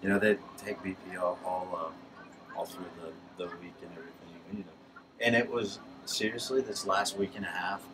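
A man in his thirties, a high school baseball coach, talking casually in a postgame interview from a press box, with many restarts. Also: fairly even intonation, fairly quick. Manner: casual, rambling with restarts and laughs. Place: press box above a lit ballfield at night. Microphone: headset mic. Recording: distant mic with background noise.

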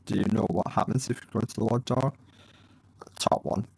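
A man's voice: lowish voice, fairly even intonation, a little fast, vocal fry, darkish tone, breathy edge, dry recording, poor audio. A man hosting a let's play, chatting casually to viewers and reading his dialogue choices aloud. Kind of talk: casual gameplay commentary.

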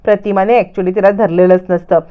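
A woman casually retelling a TV serial's plot, narrating lively and slipping into the voices of the characters. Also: medium pitch, phone-quality sound. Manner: lively storytelling with quick shifts into voices. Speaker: storyteller.

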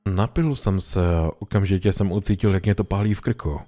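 A man reading a horror story aloud in a calm, measured storytelling voice. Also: low voice. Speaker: narrator. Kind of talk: scripted horror story narration.

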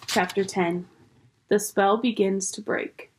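A woman teacher reading a children's book aloud with clear, expressive storytelling. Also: medium pitch, slow pace, background noise.

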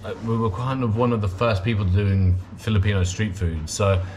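A man's voice: on the low side, fairly even intonation, normal speed, darkish tone, slight background noise. A man in his thirties who grew up in England, chatting casually in an interview about his restaurant. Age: 30s. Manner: chatty, many fillers like "you know". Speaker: restaurant owner. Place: indoor restaurant.

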